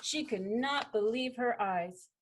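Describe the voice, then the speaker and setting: A woman student reading a children's picture book aloud in an expressive, gently paced storytelling manner. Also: on the high side, slow pace, slight background noise. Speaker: student presenter.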